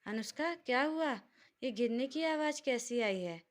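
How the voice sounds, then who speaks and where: A woman's voice: fairly high pitch, natural voice. Woman doing a fussy, fiery young woman. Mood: excited, scolding. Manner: excitable, scolding, fast. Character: irritable young wife's friend, dramatic woman.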